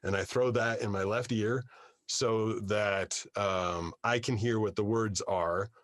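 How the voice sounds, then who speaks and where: Male voiceover pro, low voice, lively storyteller, dry booth mic. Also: takes it slowly, dry recording. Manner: animated storyteller, repeats words when starting sentences. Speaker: voiceover artist, guest. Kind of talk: conversational interview. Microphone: studio microphone.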